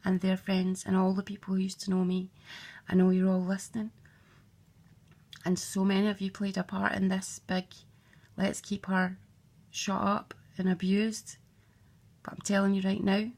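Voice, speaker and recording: A woman's voice: mid-range voice, monotone, normal speed, long pauses, a little mellow. A woman telling her own life story in a blunt, candid way, swearing freely and acting out what others said. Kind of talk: personal storytelling.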